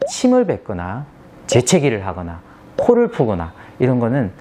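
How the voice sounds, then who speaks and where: A man's voice: mid-range voice, wildly swooping pitch, normal speed, mellow. A man speaking as a dentist, explaining patient aftercare in an emphatic way and asking rhetorical questions.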